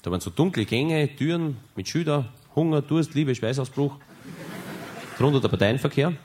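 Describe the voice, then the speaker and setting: A male comedian with an Austrian German accent tells a rambling story in a deadpan, hesitant way. His voice sits at an ordinary middle pitch. A faint hiss of background noise runs under the recording. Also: moderate pace. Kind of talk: stand-up comedy monologue.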